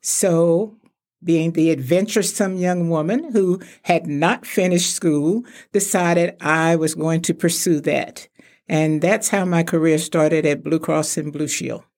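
A woman's voice: low-pitched, fairly even intonation, measured pace, darkish tone. An older woman from Texas, a retired executive, answering interview questions graciously. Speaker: interview guest.

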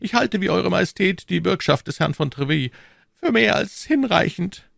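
A man's voice: sits high, animated, normal speed, creaky, fairly bright tone, no echo, clean studio sound, voice pushed up, exaggerated voice. A man voicing a scheming older male cardinal who speaks in a sly, ingratiating courtly way.

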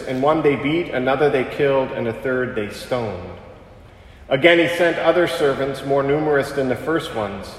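A man serving as priest, reading the Gospel and preaching a homily in a measured, phrase-by-phrase delivery, with cathedral echo. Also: medium pitch. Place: large church. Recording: long church reverb.

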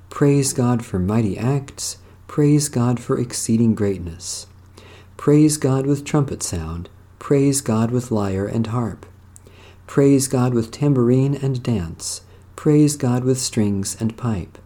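A man with a dark, mellow voice of middling pitch leads a worship service. He reads prayers, psalms and scripture as a clergyman would, in solemn, measured phrases. His delivery is declamatory and formal, set out line by line.

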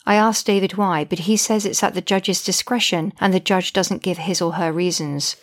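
A woman with a slightly low voice reads her own diary-style account aloud. She sounds indignant and exasperated, with a dry, wry edge as she narrates. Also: fairly even intonation, moderate pace. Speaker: podcast narrator, mother.

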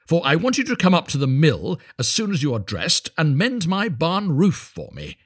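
A man's voice: on the high side, huge pitch swings, moderate pace, breathy edge, pitched above the performer's own voice, heavily acted. A man voicing a pompous, self-serving miller in a storybook, preaching emphatically with false friendliness. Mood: hearty, demanding. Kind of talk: storybook character voice.

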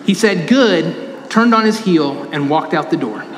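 A man's voice: on the high side, lively intonation, a little slow, a little hiss or hum. A man, a pastor, preaching a sermon, telling a story and pressing his points with emphatic repetition. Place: large church sanctuary. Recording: roomy church reverb.

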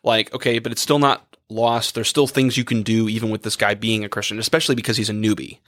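In clean studio audio with no room sound, a young priest co-hosting a podcast talks fast in a fairly low, flat, slightly bright voice. He's worn out from a long day and losing his voice, rambling and thinking aloud with many fillers while chatting and reading letters aloud.

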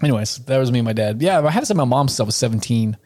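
A young man chatting casually on a podcast, cursing freely and laughing often. His voice sits at a middle pitch. He talks in a loose, rambling way. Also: animated, racing, a little mellow. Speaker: podcast co-host. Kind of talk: casual chat.

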